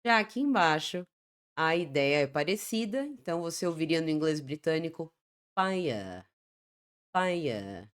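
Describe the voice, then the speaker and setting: Uma mulher, professora de inglês com sotaque brasileiro, dando uma aula explicativa em português e repetindo palavras de exemplo devagar. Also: female voice, sits low, lively intonation. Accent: Brazilian Portuguese. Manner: explanatory, repeats example words slowly. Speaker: English teacher. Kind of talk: Portuguese-language English lesson.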